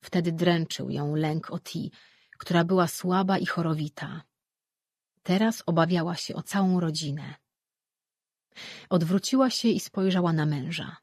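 An audiobook narrator tells the story in an even, steady way. The voice is husky and breathy, and sits at a middle pitch. The recording is dry and close. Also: measured pace, pauses often, no echo.

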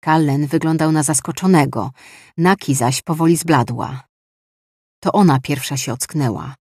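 An audiobook narrator reading fiction in an even, measured way. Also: mid-range voice, husky, no echo, clean studio sound. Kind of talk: scripted narration.

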